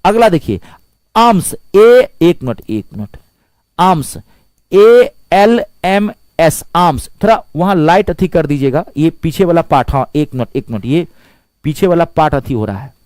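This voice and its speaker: A man's voice: a little high, animated, normal speed, a little mellow, no room sound. A man teaching English grammar in a Hindi-language classroom lecture, spelling words out letter by letter and asking his students rhetorical questions.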